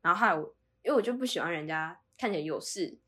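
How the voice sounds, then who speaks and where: A woman co-hosting a casual chat podcast, telling a story with lively acted-out quotes. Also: on the low side, fast talker, slightly rough. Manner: animated storytelling, acts out her own quoted lines. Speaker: podcast co-host.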